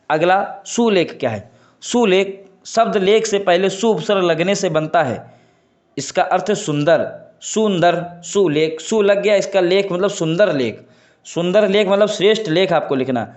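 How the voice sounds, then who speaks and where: A man teaching an online exam prep lesson, stressing key terms by repeating them and promising the viewers they will not go wrong. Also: sits high. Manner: emphatic, repeats key terms and list items; addresses viewers as friends, makes promises.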